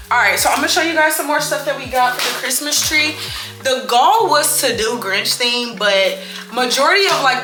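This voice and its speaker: A woman in her thirties chatting casually at home in a vlog, candid and slangy, swearing freely. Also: fairly high pitch. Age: 30s. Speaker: vlogger mom. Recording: echoey room with background music. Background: music.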